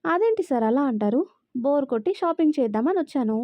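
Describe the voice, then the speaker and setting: A woman's voice: sits high, expressive, quick pace, no room sound. A woman voicing a cheeky, loyal young male assistant who banters and pleads. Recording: dry, slightly dull recording.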